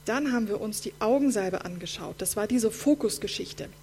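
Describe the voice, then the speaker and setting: A woman preaching a sermon in German, speaking directly and warmly to her listeners as friends. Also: medium pitch, moderate pace, a little hiss or hum.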